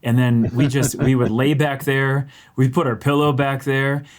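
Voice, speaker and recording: A man's voice: mid-range voice, level tone, normal speed. A middle-aged man with a mid-range voice chats casually as a podcast co-host. He keeps things easygoing and moves the talk along with questions. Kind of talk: casual chat.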